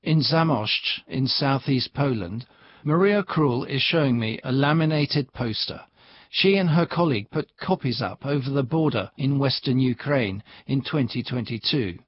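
Calm man reporting the news. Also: mid-range voice, normal speed, husky, lo-fi sound.

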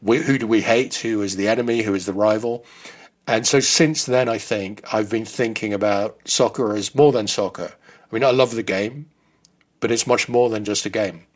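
A man's voice: on the low side, moderate pace. A man in his fifties who grew up in the Netherlands, explaining his views in a thoughtful way as an interview guest. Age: 50s.

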